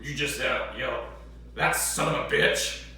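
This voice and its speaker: A man voicing a gruff, rough-spoken older male organ teacher who barks blunt orders. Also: mid-range voice, steady tone, unhurried, bright, forceful tone, far from the mic, slight background noise. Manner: barking, blunt. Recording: very echoey, from off-mic, organ behind.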